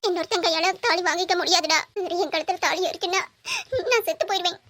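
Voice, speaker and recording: A woman doing a high bright pleading cartoon bride. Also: fairly even intonation, fast, a little hiss or hum. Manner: pleading, emotional. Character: young bride, tearful, pleading, lovesick. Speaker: voice actor in a cartoon drama. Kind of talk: cartoon drama dialogue.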